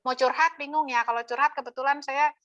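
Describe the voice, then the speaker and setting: A woman taking part in an online training session, speaking haltingly with many hesitant fillers. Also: sits high, steady tone, fairly bright tone, dry recording. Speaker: training participant. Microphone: video call. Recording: dull lo-fi video call audio.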